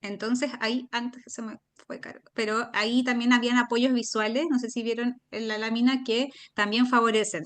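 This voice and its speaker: Woman speech therapist on a video call, higher voice, thinks out loud and rephrases. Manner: thoughtful, restarts phrases as she explains. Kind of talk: sharing professional experience in an online meeting.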